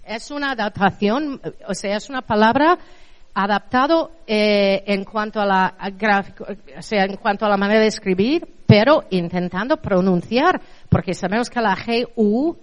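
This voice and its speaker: A woman's voice: medium pitch, muffled recording. Woman, Spanish accent, middle-aged, university lecturer, conversational, long hall reverb. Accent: Spanish (Spain). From Spain. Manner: conversational, checks in with ¿no? and ¿verdad?. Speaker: lecturer on translation. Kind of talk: university lecture with audience questions.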